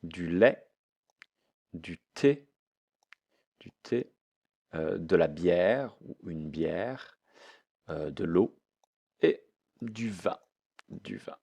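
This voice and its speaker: A man's voice: sits low, expressive, very slow, creaky, pauses often, a little mellow, breathy edge. A man teaching a French vocabulary lesson, repeating each word and mixing in English explanations.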